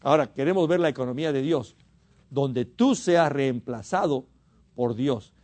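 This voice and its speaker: A man from Mexico preaching a sermon. He is fervent, rises to emphatic exhortation and drops to quiet asides, and often repeats words for emphasis. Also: medium pitch, expressive, moderate pace.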